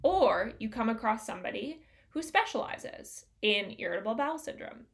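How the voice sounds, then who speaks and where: A woman's voice: on the high side, expressive, normal speed, gravelly. A woman hosting a solo business-coaching podcast, talking in an upbeat, conversational way with plenty of fillers.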